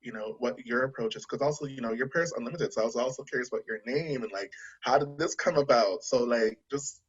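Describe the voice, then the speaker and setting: A man with a husky, breathy voice hosts a casual music conversation, wandering through his questions with fillers. The audio is muffled and lo-fi. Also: medium pitch, fast. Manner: meandering, chatty questions with fillers. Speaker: host.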